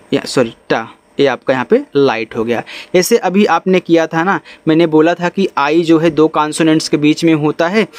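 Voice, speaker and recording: Brief: male phonics teacher, high voice, patient step-by-step explaining, slow spelling. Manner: explains step by step, spells letters out slowly, repeats and asks the class questions. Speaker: English teacher. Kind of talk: spoken phonics lesson.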